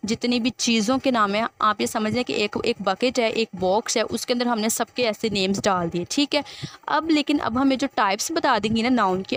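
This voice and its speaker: A woman with a fairly high voice teaches an English grammar lesson. She reads the book's text slowly and then explains it patiently. She keeps putting questions to her listener. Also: fairly bright tone, slight background noise.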